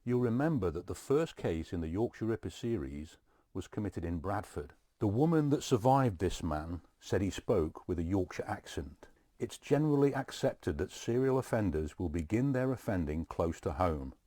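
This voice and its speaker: Deep, dark-voiced former detective commentator. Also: male voice, normal speed, no room sound, clean studio sound. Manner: calm, advisory, asks rhetorical questions. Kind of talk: expert commentary in conversation.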